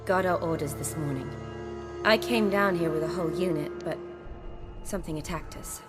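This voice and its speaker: [name], an actress playing an earnest young medic. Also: female voice, sits low, moderate pace, big-room sound, loud music behind the voice, natural voice. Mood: warm, tired. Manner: urgent, earnest.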